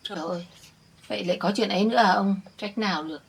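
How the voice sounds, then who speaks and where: A woman's voice: mid-range voice, quick pace, slightly rough. A middle-aged woman playing a village woman who earnestly insists she is telling the true story. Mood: sympathetic. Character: older village woman defending her family. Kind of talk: village family drama acting.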